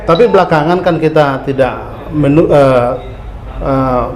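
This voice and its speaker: A man's voice: fairly high pitch, a little slow, a little mellow. A man hosting an interview, asking questions and giving brief, affirming replies. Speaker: interview host. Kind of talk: conversational interview. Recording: echoey room.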